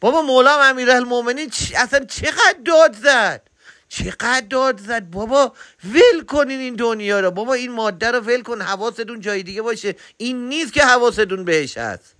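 A man giving an animated spiritual talk, exhorting and addressing the listener directly. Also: extremely high pitch, no echo, clean studio sound. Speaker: religious speaker.

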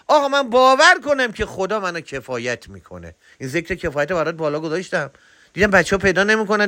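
A man giving an animated spiritual talk, exhorting and addressing the listener directly. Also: high voice, no echo, studio quality. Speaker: religious speaker.

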